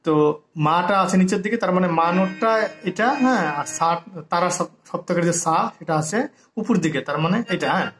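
A man's voice: high voice, a little fast, a bit bright. A man teaching harmonium step by step, patiently explaining the notation and singing note names as he plays. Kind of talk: step-by-step music lesson. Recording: echoey room with harmonium playing.

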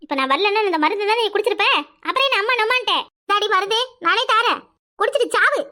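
A woman voicing a domineering, scheming middle-aged village mother in a cartoon, with a Kanyakumari Tamil accent, scolding fast and loud. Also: lively intonation, full character voice. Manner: shrill, scolding, fast, rising to yells. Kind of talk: cartoon voice acting.

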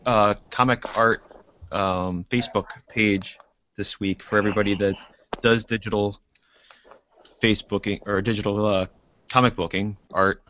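A man in his thirties chatting as a guest artist, halting and full of fillers. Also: on the low side, fairly even intonation, fairly bright tone, a little hiss or hum. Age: 30s. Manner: hesitant, lots of fillers. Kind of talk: casual chat on a video call. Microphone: video call. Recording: lo-fi video call audio.

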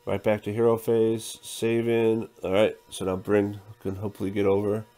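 A man's voice: fairly low pitch, monotone, moderate pace. A man casually talking through a tabletop game playthrough, counting dice aloud and reading the game text. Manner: counts dice out loud, thinks through moves.

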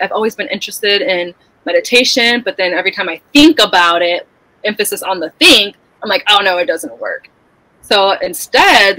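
Bright-voiced woman, candid and animated. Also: medium pitch, no room sound, poor audio. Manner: candid, animated, with casual swearing. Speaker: guest. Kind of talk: casual podcast conversation.

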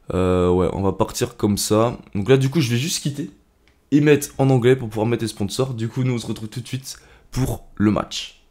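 A young man giving casual, rambling commentary on his football game career, with lots of fillers and excited shouts at goals. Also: lowish voice. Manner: chatty, rambling, many fillers. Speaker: gaming YouTuber.

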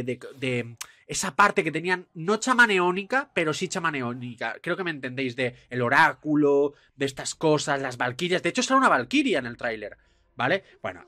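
A young man with a Spain Spanish accent, hosting an excited film trailer reaction, gushing and swearing. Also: on the high side, no echo.

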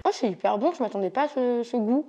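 A woman's voice: on the high side, fast, mellow, highs cut off, soft background music. A young woman from France chatting to camera at home, bubbly and self-mocking. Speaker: vlogger. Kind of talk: casual chat to camera. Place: at home, indoors.

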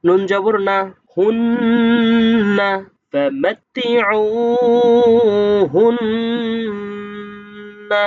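A man teaching Quran reading, who spells out each letter and vowel mark and then slowly draws out the joined word. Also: high voice, muffled recording. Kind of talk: step-by-step spelling lesson.

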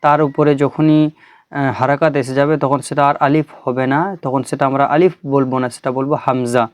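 A man teaching a Quran reading lesson on video, explaining step by step with patience and reciting letter drills slowly. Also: mid-range voice, flat delivery, no room sound.

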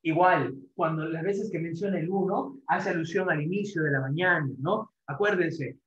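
A man's voice: fairly high pitch, moderate pace, a bit bright, a little hiss or hum. Man lecturing in an echoey classroom. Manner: repetitive, rhetorical "¿no?" tags, many fillers. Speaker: literature teacher. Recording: echoey classroom, dull lo-fi sound.

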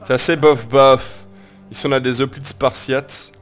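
A man chatting through his strategy game in a loose let's-play style, his voice smooth and clear over faint game music in the background. He jokes constantly, invents silly words on the spot and swears offhandedly. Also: medium pitch, steady tone, measured pace. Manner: jokey and playful, coins silly made-up words, swears casually. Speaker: gameplay commentator. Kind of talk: casual let's-play commentary.

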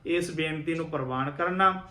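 Man, religious teacher, earnest and instructive, bright higher voice, echoey room. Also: normal speed. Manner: earnest, instructive, repeats key points.

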